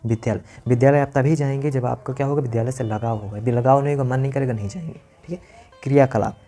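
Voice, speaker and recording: A man teaching an exam-prep class in a mellow, relaxed voice at a middle pitch. He walks through each point, says lines over and over, and asks questions that he answers himself. Soft music plays faintly behind him. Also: fast.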